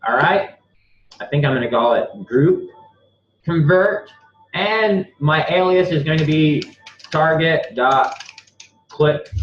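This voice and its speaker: Walking viewers through a live screen-share step by step, this online marketing instructor swears freely, speaks bluntly, and repeats himself a lot. His voice is a little high and a bit bright. The audio is lo-fi and slightly dull, with an echoey room and slight background noise.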